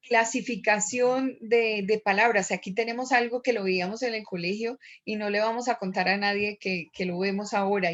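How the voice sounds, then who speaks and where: A woman's voice: mid-range voice, a bit bright. Woman teacher explaining grammar, dull audio. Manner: explanatory, with frequent fillers. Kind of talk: lecture.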